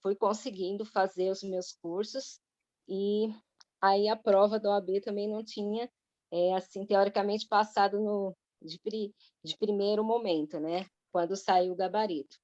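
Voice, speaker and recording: A woman with a Brazilian Portuguese accent, telling a personal testimony to a church women's group in a lively way, full of reported speech. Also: mid-range voice, moderate pace, no echo, lo-fi sound.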